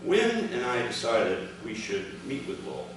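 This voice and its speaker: At a commemoration, a man with a mid-range voice and huge pitch swings reads his father's memoir to the audience. He speaks in short, deliberate public phrases. The recording comes from afar in a big, reverberant room, with noticeable background noise.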